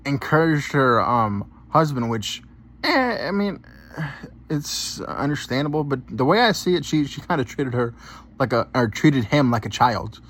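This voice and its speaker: A man's voice: mid-range voice, animated, a little slow, fairly bright tone. A man giving a casual reaction commentary, rambling and repeating himself, often ending phrases with "man" and swearing. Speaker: gaming channel commentator.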